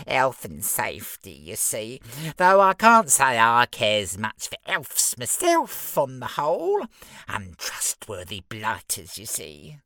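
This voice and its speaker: A man's voice: mid-range voice, gravelly, bright, forceful tone, no echo, pitched above the performer's own voice, heavily acted. A man voicing a fussy, officious little male imp with a prim, wheedling drawl.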